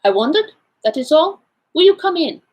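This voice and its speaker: A woman's voice: sits high, very animated, normal speed, darkish tone, voice pushed up. A woman putting on a fussy, inquisitive old detective. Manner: raised, lilting, inquisitive delivery. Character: fussy elderly male Belgian detective.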